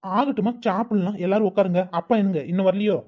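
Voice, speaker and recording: Voice of a calm grown son in a cartoon. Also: male voice, sits high, fast talker, highs cut off. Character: grown son coming home, young man. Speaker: elder brother in the family. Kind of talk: cartoon family comedy voicing.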